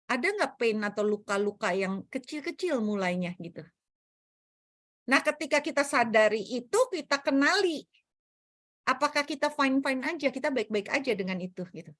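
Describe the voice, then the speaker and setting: A woman's voice: sits high, fairly bright tone, dry recording, clean studio sound. A woman giving a self-development talk, answering audience questions in a casual, explanatory way and mixing in English terms. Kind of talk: online Q&A talk.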